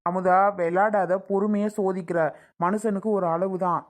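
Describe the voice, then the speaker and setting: Hot-tempered husband in a family skit, pleading then shouting; a woman plays him. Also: medium pitch, steady tone, moderate pace, lightly acted. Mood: exasperated angry. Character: short-tempered husband, pleading to his brother-in-law.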